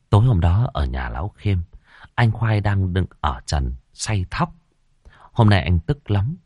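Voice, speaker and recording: A man narrating a ghost story in an expressive, dramatic storytelling manner. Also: low voice, no room sound, clean studio sound. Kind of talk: scripted horror story narration.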